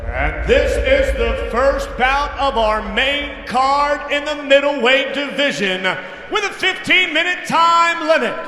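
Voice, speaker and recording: Booming high-voiced male ring announcer. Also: sing-song, sharp tone, a little hiss or hum. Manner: booming, drawn-out name calls. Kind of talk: event announcing. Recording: echoey hall with long reverb.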